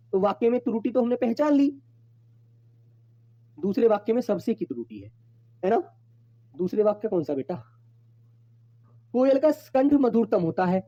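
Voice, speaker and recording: A man's voice: sits high, dark tone, no room sound, lo-fi sound. A man teaching a Hindi exam-prep class online, calling his students his children and repeating each point patiently.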